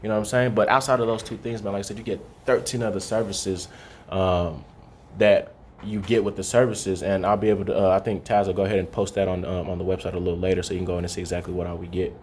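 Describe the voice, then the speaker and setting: Earnest low-voiced man from Haiti. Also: flat delivery, fast, darkish tone, slight background noise. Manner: earnest, keeps saying "you know what I'm saying". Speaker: guest, credit repair consultant. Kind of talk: casual interview talk.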